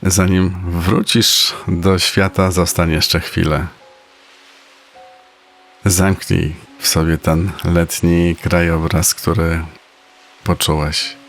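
A man narrating a guided meditation in a soft, soothing, unhurried manner with pauses between phrases. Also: deep voice, flat delivery, gravelly. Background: faint music.

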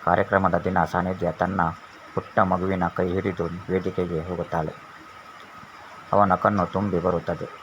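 A man narrating a serialized story in a measured, unhurried reading. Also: sits low, little pitch movement, a bit bright. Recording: dull lo-fi with faint hiss.

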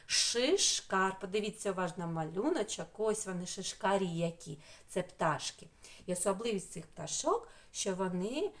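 Slow, sing-song woman teaching small children. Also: medium pitch. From Ukraine. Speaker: preschool teacher. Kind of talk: remote lesson for young children. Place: home room, remote teaching.

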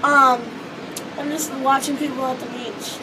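Holding a phone or webcam close, a hoarse teen vlogger chats from a seaside hotel balcony, her high voice strained after losing it. She rambles on with lots of fillers at a measured pace and with little pitch movement, while wind and crashing waves from the beach below fill the background.

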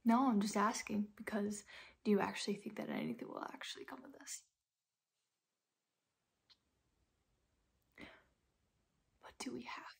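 A young woman acting a dramatic monologue as a distressed, ashamed young woman, with halting, tragic sorrow in her fragile voice. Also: medium pitch, steady tone, in a whisper. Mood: hopeless. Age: young adult. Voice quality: breathy, husky, fragile.

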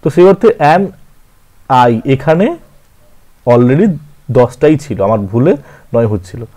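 A man's voice: mid-range voice, sing-song, unhurried, mellow. A man with a Bengali accent teaching verse scansion, counting syllables aloud and correcting his own slips. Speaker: literature teacher.

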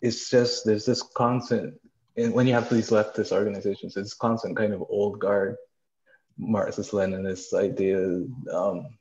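Young man, low voice, relaxed and chatty, dull lo-fi video-call sound. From Barbados. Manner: relaxed, chatty with fillers and small laughs. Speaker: audience participant. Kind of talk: casual discussion.

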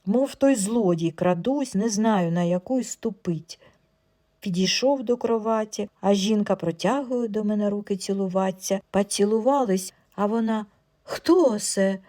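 A woman reads a humorous folk story aloud, lively and expressive in the telling. Her tone is mellow and soft-edged at a middling pitch. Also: moderate pace. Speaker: audiobook narrator. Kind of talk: storytelling audiobook narration.

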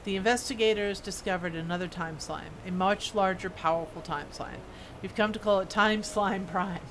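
A woman streams a video game, chatting casually, rambling to herself and sometimes reading quest text aloud. Her mid-range voice is fairly bright and moderately paced, and game sounds come through clearly in the background.

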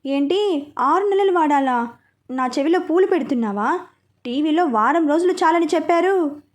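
A woman's voice: high voice, lively intonation. Woman voicing an indignant middle-aged customer. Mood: suspicious. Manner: complaining, quick to take offense. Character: fussy, demanding woman customer around forty.

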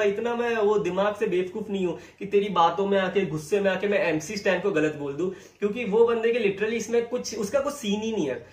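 A young YouTuber rants at the camera, confrontational and repeating himself. His voice sits high. It echoes around the room from a little off the mic. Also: recorded from a distance. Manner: heated, confrontational, repeats phrases. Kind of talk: angry rant to camera.

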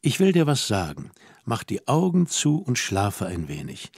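A man reading a calm, gently scolding young woman. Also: mid-range voice, unhurried, breathy edge, no room sound, studio quality, pitched below the performer's own voice, exaggerated voice. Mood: soothing. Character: stern, motherly young woman teasing a lonely man.

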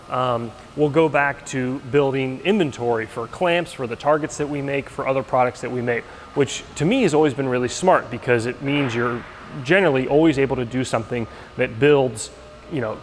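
A man in his thirties, a machine shop owner, talking casually to a handheld camera in a quick, upbeat, rambling way with many ums. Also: mid-range voice. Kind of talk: casual vlog talk. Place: large open machine shop workspace. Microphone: handheld camera close to face. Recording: reverberant hall with faint noise.

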